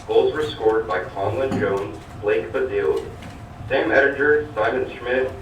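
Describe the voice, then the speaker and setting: A man's voice: medium pitch, a little slow. A man reading morning announcements over a school intercom, steadily listing names and notices. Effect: over a school intercom loudspeaker. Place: classroom hearing the intercom. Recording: echoey loudspeaker heard from far off with background noise.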